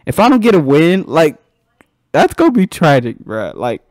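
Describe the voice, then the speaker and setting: A young man casually commenting on his own gameplay as a channel host, excitable and slangy, laughing often. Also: on the high side, normal speed, dry recording, studio quality.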